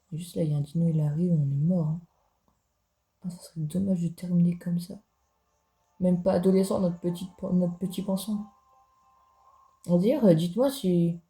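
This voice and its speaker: A man's voice: high voice, warm tone. A man giving casual gameplay commentary as a gaming YouTuber, chatty and jokey, talking straight to his viewers.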